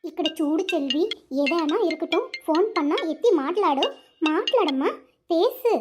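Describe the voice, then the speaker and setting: A woman voicing a gentle elder sister-in-law who urges a younger woman to talk, in a cartoon. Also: very high voice, moderate pace, over music. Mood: urging. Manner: coaxing, motherly.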